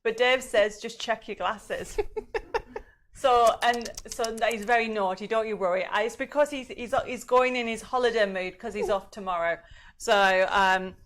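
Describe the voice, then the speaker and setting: A woman's voice: a little high, steady tone, moderate pace, fairly bright tone. A woman hosting a craft live stream, chatting informally and casually with viewers. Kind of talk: casual chat, greeting viewers.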